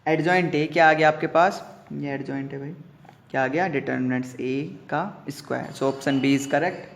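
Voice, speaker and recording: A man's voice: mid-range voice, fairly even intonation, slow, vocal fry. A man with an Indian accent teaching a math lesson, mixing in English terms and working through each step by asking and answering his own questions.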